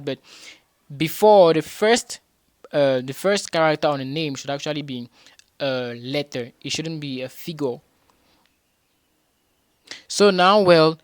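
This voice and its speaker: A man's voice: fairly high pitch, no room sound. Patient man teaching coding, dry sound. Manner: patient and repetitive, restates points with rhetorical questions; frequent hesitations and restarts. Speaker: programming tutor. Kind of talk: beginner coding tutorial.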